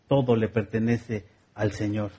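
A man's voice: on the low side, little pitch movement, measured pace, warm tone. A man with a Mexican accent preaching a sermon in a conversational, humorous way, repeating phrases rhythmically.

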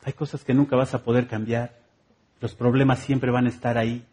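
Chatty Mexican preacher. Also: male voice, medium pitch, level tone, fairly quick, a little mellow. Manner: conversational, humorous, repetitive rhythmic phrasing. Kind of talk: sermon.

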